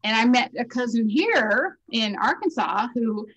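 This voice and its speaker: A woman in her sixties chatting on a video call at a class reunion gathering, telling family stories in a lively, talkative way. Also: a little high, measured pace, dull audio, a little hiss or hum. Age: 60s. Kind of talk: casual video call chat.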